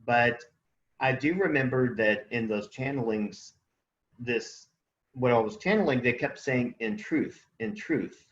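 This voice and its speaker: A man's voice: mid-range voice, a little slow, fairly bright tone. Rambling man in a roomy, dull recording. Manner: rambling, searching for words with many fillers. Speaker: podcast co-host. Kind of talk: casual spiritual conversation.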